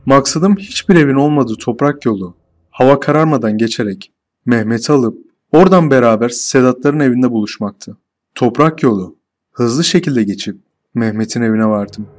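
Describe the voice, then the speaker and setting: A man telling a first-person horror story in a steady, measured storytelling voice. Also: mid-range voice.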